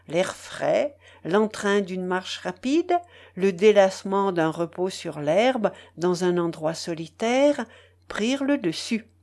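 A woman narrating a classic novel in an audiobook, in a measured, expressive reading. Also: mid-range voice. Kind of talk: scripted literary narration.

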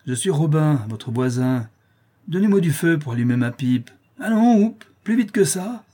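A man voicing a drunken, lame, brutish male neighbor who shouts hoarse threats. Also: fairly high pitch, animated, normal speed, voice pushed up. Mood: bullying. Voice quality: hoarse, rough.

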